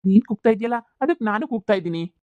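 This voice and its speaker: A woman voicing a loud, eager young man who flatters his friend in a cartoon comedy, with a dull lo-fi sound. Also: medium pitch, fast, dry recording, close to an everyday voice. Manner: loud, eager, mixing in English words.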